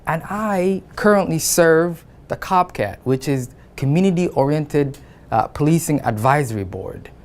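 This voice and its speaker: A man's voice: on the high side, lively intonation, unhurried, darkish tone. A man from Somalia, a city council candidate, giving an earnest campaign statement in plain phrasing with a few hesitant fillers.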